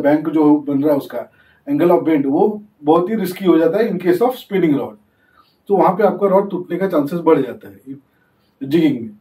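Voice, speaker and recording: A young man hosting a fishing channel gives a casual tutorial, explaining as he demonstrates and often slipping in English terms. His voice sits high and sounds mellow. The recording is echoey, with him distant from the mic.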